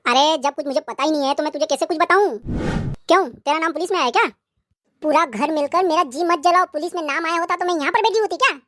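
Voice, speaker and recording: A woman plays a smug young wife in a cartoon, scheming and sharp-tongued. The voice sits very high and scolds with relish. The sound is dry and close. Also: fast talker, no echo. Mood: scolding. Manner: scolding, gloating. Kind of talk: cartoon voice acting.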